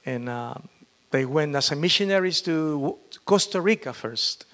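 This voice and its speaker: Middle-aged pastor, fairly high for a man, halting, full of restarts. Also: animated, a bit bright. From Peru. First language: Spanish. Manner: halting, with frequent fillers and restarts. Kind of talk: testimony sermon.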